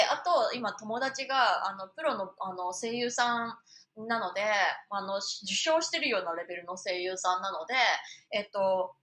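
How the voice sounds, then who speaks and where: A young woman from Japan, a singer chatting casually on her live stream, animated and quick to laugh. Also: a little high.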